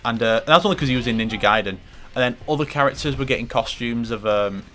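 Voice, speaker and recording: A fast-talking man with a medium-pitched, pushed and bright voice commentates a fighting game let's play. He rambles and swears often, with the game's music faintly in the background.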